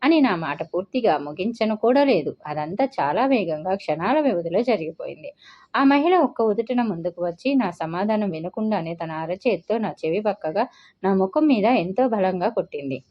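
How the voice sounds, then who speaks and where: A woman telling a first-person novel story as the channel's storyteller, in a dramatic, emotional way. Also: medium pitch. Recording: slightly dull lo-fi audio.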